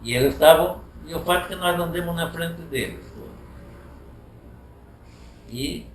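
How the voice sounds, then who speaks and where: A man's voice: a little high, a little slow, background noise. An older man with a southern Brazilian accent tells racing stories in a rambling, reminiscing way, often tagging his sentences with a questioning aside. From Paraná, Brazil. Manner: rambling, frequent tag "né?". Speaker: retired motorcycle racer. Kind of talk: reminiscing storytelling. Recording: roomy echoey room.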